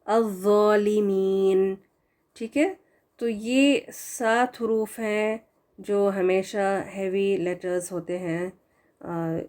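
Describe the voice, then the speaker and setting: A woman teaching a recitation lesson online. She explains each rule with fillers and English words mixed in, and she draws out the example words slowly. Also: mid-range voice, a little mellow. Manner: slow drawn-out recitation of examples; hesitant fillers while explaining.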